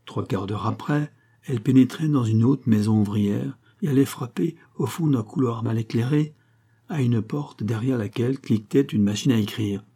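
A man reads a novel aloud in a steady, measured way. His voice is dark and mellow, with a husky grain, at a middle pitch. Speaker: audiobook narrator. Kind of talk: scripted narration.

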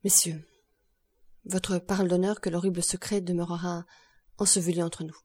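Woman reading as shaken prosecutor, strained, urgent, husky, flat. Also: lowish voice, moderate pace. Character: shaken middle-aged male crown prosecutor.

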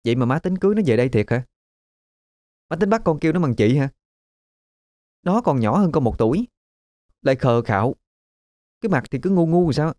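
A man voicing a spoiled, sharp-tongued young woman in a spoken ghost story. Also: on the high side, expressive, brisk, long pauses, dry recording, studio quality, pitched above the performer's own voice, close to an everyday voice. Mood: scornful.

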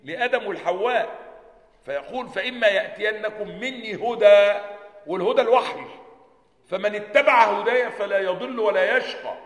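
A man with an Egyptian accent teaching a religious lesson, animated, asking his listeners questions and answering them himself. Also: high voice, moderate pace. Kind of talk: classroom lesson explaining a hadith text. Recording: echoey hall with long reverb.

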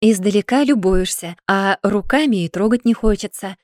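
A woman reads a fantasy audiobook as scripted fairy-tale narration, her mid-range voice even and measured. The studio recording is clean, with no room sound.

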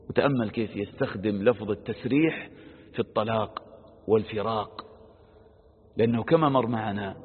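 A husky-voiced man gives a scripture lesson in a long, ringing reverb. He asks questions aloud and answers them, and raises his voice to stress each quoted verse. The sound is thin and narrow, like a phone line. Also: medium pitch. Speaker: Quran exegesis teacher. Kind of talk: religious lesson explaining verses.

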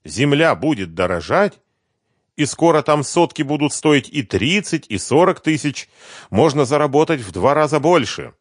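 A man's voice: fairly high pitch, big pitch swings, normal speed, no echo, clean studio sound, voice pushed up. A man voicing a pushy middle-aged man who coaxes in a persuasive, raised voice. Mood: coaxing. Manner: persuasive, coaxing.

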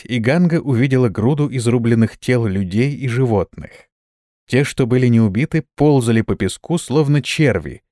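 A man's voice: medium pitch, darkish tone, no echo, clean studio sound. A man narrating a fantasy story as an audiobook, telling it expressively.

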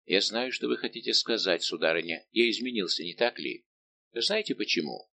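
A man's voice: lowish voice, lively intonation, moderate pace, creaky, sharp tone, slight background noise, exaggerated voice. A male reader voicing a heartbroken young nobleman who speaks in a bitter, restrained, formal way, in an audiobook.

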